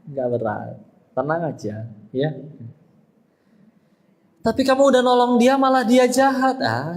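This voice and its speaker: A man's voice: mid-range voice, darkish tone. A man giving a humorous, playful sermon to women, acting out quotes and imagined objections. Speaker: preacher.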